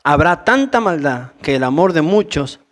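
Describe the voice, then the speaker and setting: A man's voice: a little high, big pitch swings, normal speed. A man with a Rioplatense Spanish accent preaching a conversational sermon, mixing Bible reading with informal asides.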